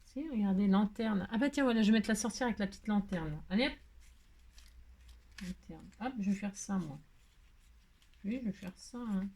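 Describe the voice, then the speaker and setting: A woman's voice: medium pitch, normal speed, long pauses, mellow. A French woman hosting a casual craft tutorial, talking hesitantly with lots of fillers and laughing at herself. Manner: chatty, hesitant, fills with "euh" and "hein". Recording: faint background noise and clicks.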